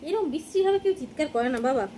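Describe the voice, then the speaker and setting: A woman's voice: sits high, expressive, racing, mellow. A young mother, coaxing her baby son to eat in sing-song baby talk at home. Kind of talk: casual home vlog, talking to a baby. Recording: noisy home ambience.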